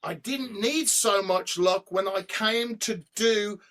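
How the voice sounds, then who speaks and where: Animated bright-voiced man telling stories. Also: sits high, slow pace. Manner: animated, swears freely, hums and sings snippets. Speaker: guest, rock singer. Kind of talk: storytelling in a podcast interview. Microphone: remote call.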